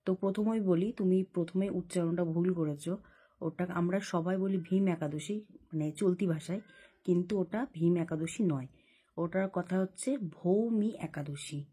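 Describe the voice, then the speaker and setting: A woman's voice: lowish voice, fairly even intonation, normal speed, mellow, husky. A young woman vlogging casually from her bedroom at night, rambling and explaining at length. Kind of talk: casual chat to camera. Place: home bedroom, lying under a blanket.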